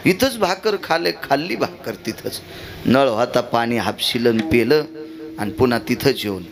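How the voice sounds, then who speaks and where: A man preaching a kirtan, telling folksy stories with acted quotes and sudden high-pitched shouts. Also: normal speed, vocal fry. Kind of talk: Marathi kirtan storytelling sermon. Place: kirtan gathering with audience. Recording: live recording with audience crowd noise. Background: audience crowd.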